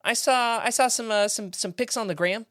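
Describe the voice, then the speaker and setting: A man's voice: high-pitched, moderate pace, a bit bright, dry recording, clean studio sound. A man hosting a podcast in casual chat, joking and laughing often. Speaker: podcast host.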